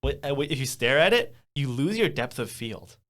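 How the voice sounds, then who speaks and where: A studio condenser mic captures a young man co-hosting a podcast in a small studio, chatting casually with many fillers and laughs. He speaks at a moderate pace in a medium-pitched, fairly bright voice with big pitch swings.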